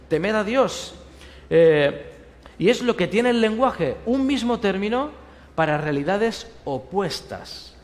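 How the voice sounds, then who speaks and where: Male pastor with a Spain Spanish accent, lively rhetorical sermon, higher-pitched voice, long hall reverb. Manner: lively preaching with rhetorical questions, dropping to a soft hush for quoted comfort.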